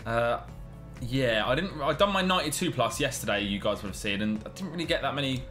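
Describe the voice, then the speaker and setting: Bright-voiced young British man, gaming chat. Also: medium pitch, animated, a little fast, soft background music. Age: 20s. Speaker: gaming YouTube host. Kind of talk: casual gaming commentary. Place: small room at home.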